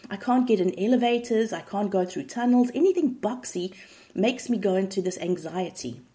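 A woman voicing an anxious, fretful female patient in a retold comedy sketch, pleading and slightly higher-pitched. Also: animated, moderate pace, dark tone, natural voice.

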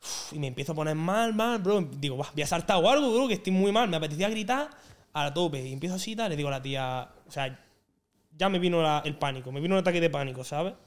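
Young guy, guest spot: rapid, slightly high voice, slangy and animated. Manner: animated, slangy, acts out quotes. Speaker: guest singer. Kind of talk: casual podcast storytelling.

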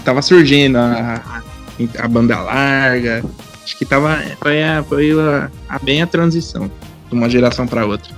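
A Brazilian man in casual football chat as co-host, haltingly repeating words as he thinks. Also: medium pitch, steady tone, soft background music. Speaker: football talk show co-host.

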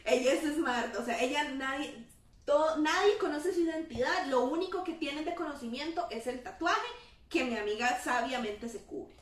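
Animated young woman storyteller. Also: high voice, normal speed. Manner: animated, laughing, acts out quoted lines. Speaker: storyteller in a chat. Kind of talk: casual chat, retelling a story. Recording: roomy, distant mic.

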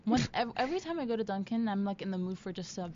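A woman's voice: medium pitch, expressive, fast, darkish tone, highs cut off, a little hiss or hum. A young woman co-hosting a podcast from a studio, talking in a hesitant, rambling way with many fillers. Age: young adult. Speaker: podcast co-host. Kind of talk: casual chat. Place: radio studio. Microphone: studio mic.

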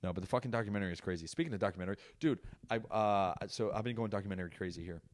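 Young guy on a comedy podcast, kinda low voice, cussing a lot, loud mock outrage bits. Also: rapid-fire. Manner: profane, animated, loud bursts of mock outrage. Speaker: podcast host. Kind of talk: casual comedic rant.

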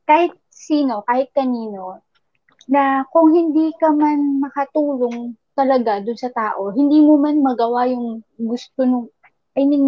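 High-voiced woman venting. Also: no room sound, highs cut off. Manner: venting, mixes English into Filipino. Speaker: radio host. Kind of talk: casual chat.

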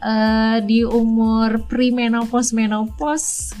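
A woman's voice: a little high, little pitch movement, slow, dark tone, soft background music. A middle-aged woman, hosting a casual podcast chat and laughing often. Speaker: podcast host.

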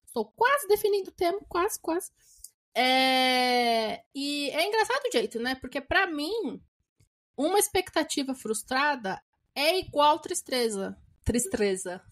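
A young adult woman, co-hosting a casual chat podcast and talking in an expressive, teasing way. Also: sits high, a little slow. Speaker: podcast co-host.

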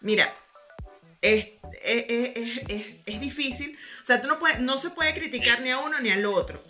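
A Venezuelan woman chatting casually on a podcast, telling lively stories about her life abroad. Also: on the high side, moderate pace, faint music behind. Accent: Venezuelan Spanish. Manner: lively storytelling, acts out quoted voices. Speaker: podcast guest. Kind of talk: casual chat.

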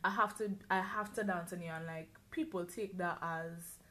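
A woman's voice: lowish voice, steady tone, moderate pace, bright, forceful tone. A woman co-hosting a podcast, ranting in casual chat with many "like" fillers. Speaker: podcast co-host.

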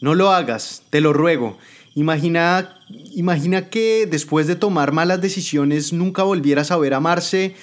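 A man's voice: fairly high pitch, moderate pace, voice pushed up, lightly acted. A man voicing a frightened, captive woman adviser who protests and pleads, in a dramatic spoken story. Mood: pleading. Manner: pleading, indignant.

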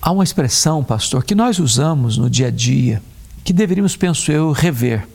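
A man, a preacher talking about faith and grief in a measured way, slowing down to stress key words. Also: medium pitch, animated, vocal fry, darkish tone.

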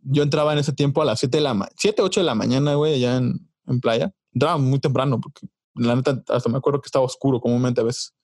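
A man's voice: medium pitch, quick pace, no room sound. Dry-voiced Mexican man swapping stories. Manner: animated storyteller, acts out quotes, swears casually. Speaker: podcast host. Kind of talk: casual chat.

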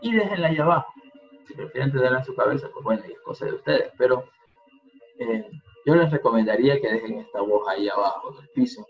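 Man, relaxation facilitator, calm coaxing delivery, mid-pitched voice, dull lo-fi sound, faint music underneath. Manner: calm, slow and coaxing, with repetitions. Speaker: workshop facilitator. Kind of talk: guided relaxation exercise for an online group.

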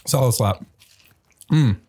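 A man's voice: medium pitch, slow pace, noisy background. A man co-hosting a casual food chat, full of joking and teasing banter. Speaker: co-host.

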